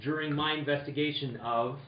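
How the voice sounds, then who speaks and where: Slightly high and steady, the man's natural-sounding voice moves fairly quickly as he voices a hard-boiled, earnest insurance investigator for an old-time radio mystery. His reading is theatrical with small stumbles, and the tone is wryly narrative. Sound quality is distant, roomy, dull, and lightly noisy.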